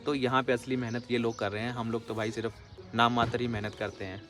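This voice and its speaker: A man's voice: mid-range voice, flat delivery, fairly quick, music in the background. A man talking casually to his viewers in a travel vlog, recorded outdoors on a small boat on a lake, calling them "brother" as he goes. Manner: chatty, keeps calling the viewer "bhai". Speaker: travel vlogger.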